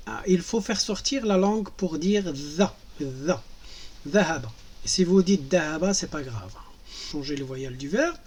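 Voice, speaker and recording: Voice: medium pitch, breathy edge. A teacher giving a language lesson in French, patiently spelling out and repeating each verb form. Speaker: Arabic teacher.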